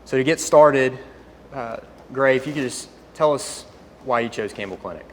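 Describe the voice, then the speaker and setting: A man's voice: medium pitch, normal speed, a little hiss or hum. A young man from East Tennessee, a resident moderating a panel and guiding questions. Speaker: moderator, fifth-year resident. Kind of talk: panel discussion.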